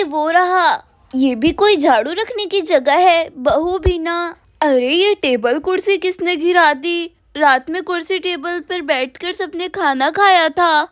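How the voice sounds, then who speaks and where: A woman's voice: very high voice, fairly bright tone, no room sound, clean studio sound, exaggerated voice. A woman doing a fussy old grandmother. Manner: grumbling, scolding. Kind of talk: doll cartoon storytelling.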